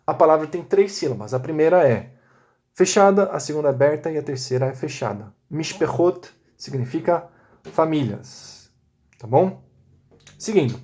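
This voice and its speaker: A man's voice: a little high, expressive, moderate pace, a little mellow. A man teaching a recorded language lesson. He explains step by step and often checks in with short tag questions. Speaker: Biblical Hebrew teacher.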